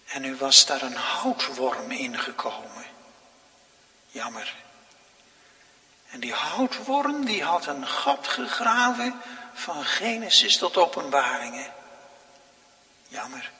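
A male pastor preaching a sermon, slow and dramatic, swinging from near whispers to loud exclamations. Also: a little high, big pitch swings. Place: church. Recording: long reverb of a large hall.

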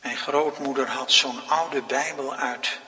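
Slow-preaching pastor in a hall. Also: male voice, mid-range voice, steady tone. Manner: slow, dramatic swings from soft to loud. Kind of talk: sermon. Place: church. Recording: long reverb of a large hall.

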